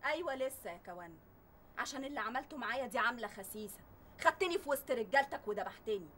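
A defiant Egyptian captive. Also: female voice, on the high side, lively intonation, very fast, fairly bright tone, slight background noise. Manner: defiant, bitter. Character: defiant young woman held captive. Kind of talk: TV drama acting.

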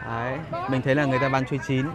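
A man's voice: medium pitch, level tone, rapid-fire, a loud crowd. A man giving casual, hesitant walking-tour commentary as a vlog host, searching for words at an outdoor market. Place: busy outdoor market and street. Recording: noisy outdoor market ambience.

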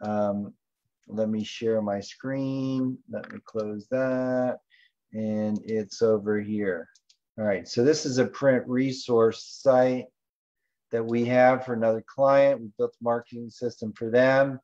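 A man hosts an online training call, thinking aloud as he rambles informally through a screen share over lo-fi call audio. His mid-range voice is slow, fairly even in intonation, and a little mellow.

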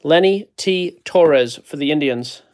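This is casual card-opening chat from a man running a break at an indoor table, cracking jokes while calling out the players he pulls. He speaks slowly, in a fairly high but darkish voice.

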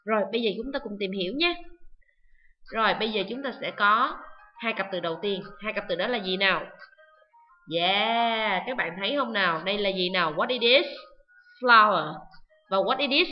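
A woman teaching an online English lesson, loudly repeating words and often checking whether the students follow. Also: mid-range voice, muffled recording. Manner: drills words loudly with repetition; asks students frequent checking questions.

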